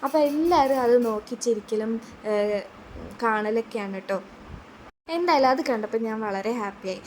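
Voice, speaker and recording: A woman's voice: on the high side, normal speed, a little hiss or hum. A young woman narrating a family video as a vlogger, chatty and a little shy, with many hesitant fillers. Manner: admits to being shy on camera.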